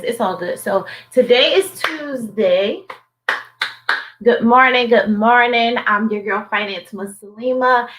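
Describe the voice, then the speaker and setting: A woman with a Southern US accent and a sharp, mid-range voice works as a financial coach, chatting casually on a live stream. The recording is low quality. She stays upbeat and repeats herself to keep viewers motivated.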